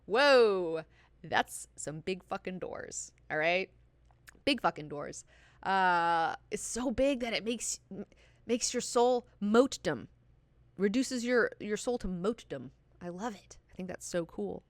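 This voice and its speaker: A woman's voice: mid-range voice, lively intonation, slow pace, no echo. A woman hosting a book club, talking through the chapters in an enthusiastic, profanity-laced, chatty way. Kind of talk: casual book discussion.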